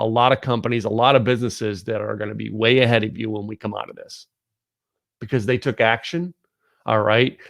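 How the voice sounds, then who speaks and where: A podcast host delivers a blunt, emphatic, preachy monologue straight to camera, repeatedly saying "ladies and gentlemen." His voice is mid-range, and the on-camera recording is clean studio quality with no echo.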